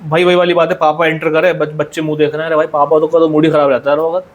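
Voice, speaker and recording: Young man, podcast guest, earnest, repetitive, mixes in English phrases, higher pitch. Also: little pitch movement, rapid-fire. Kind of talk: conversational discussion.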